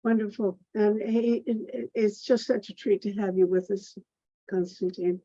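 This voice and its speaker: A woman hosts a video call town hall, keen and halting as she introduces each guest. Her voice is dark and mellow, and the call audio is dull and dry. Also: mid-range voice, steady tone. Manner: enthusiastic, halting introductions with restarts. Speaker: host of an online town hall. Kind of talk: hosting a video call meeting.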